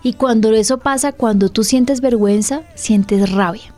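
Earnest woman pastor, slightly high voice. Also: normal speed, mellow, soft background music. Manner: earnest, questioning her co-host, breathing advice. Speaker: pastor and radio program host.

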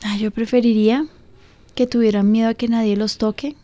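Woman pastor-host, earnest and pleading, slightly high voice. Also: level tone, a little fast, warm tone.

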